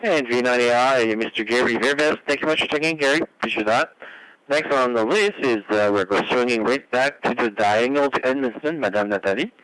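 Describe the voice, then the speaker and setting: A man's voice: medium pitch, a little fast, a bit bright, smooth, no room sound, low-quality recording. A man serves as net controller on amateur radio. His mid-range voice is courteous and orderly as he calls stations in phonetic letters, in a dry transmission with little room sound. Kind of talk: formal radio check-in procedure, friendly acknowledgements.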